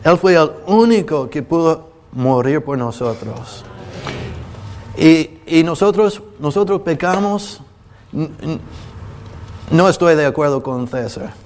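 Slow, halting preacher, a man. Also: fairly high pitch, lively intonation, darkish tone, a little hiss or hum. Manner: halting, with many restarts and filler sounds; pauses when moved, apologizing to listeners. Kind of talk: emotional sermon to a congregation.

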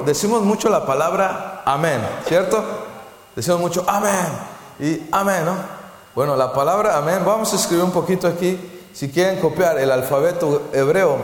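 A man giving a church talk, teaching the Hebrew alphabet in an informal way, often restarting his sentences and leading the group in repeating letters. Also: on the high side. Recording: echoey hall with long reverb.

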